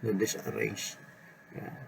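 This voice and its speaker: A man preaching a sermon in an unhurried way, mixing Tagalog and English and repeating key words. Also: lowish voice, monotone, gravelly, background noise.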